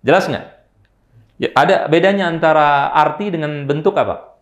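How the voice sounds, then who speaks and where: A man's voice: a little high, normal speed, reverberant. A man giving a religious study lecture, often asking his listeners questions and answering them himself. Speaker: Islamic teacher. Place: mosque office study hall.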